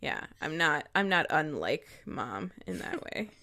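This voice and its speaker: A woman's voice: deep voice, sing-song, a little slow, vocal fry, sharp tone. A woman co-hosting a podcast from a video call, rambling casually and laughing easily. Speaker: podcast co-host. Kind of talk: casual chat. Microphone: remote video call.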